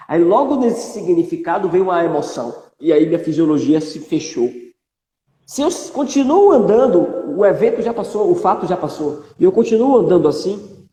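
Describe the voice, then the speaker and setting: A man's voice: high voice, warm tone. A man explaining ideas step by step like a teacher, often checking that listeners understand. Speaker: presenter explaining thought cycles. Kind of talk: explanatory talk with slides. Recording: roomy with long reverb.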